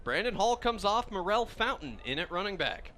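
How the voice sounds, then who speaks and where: Very animated and high-voiced, an American man provides live football play-by-play on radio at a normal speed. Loud stadium sounds from outdoors sit behind his voice.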